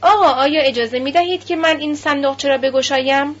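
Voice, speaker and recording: A woman voicing a methodical male notary who questions in a measured, formal way. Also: high-pitched, steady tone, lightly acted. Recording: slightly muffled lo-fi recording.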